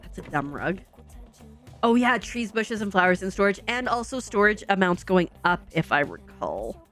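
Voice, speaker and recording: A young adult woman streams a game and chats in a sing-song, medium-pitched voice with a fairly bright tone at normal speed. Upbeat, giggly, and slightly congested, she talks to herself while building as faint music plays.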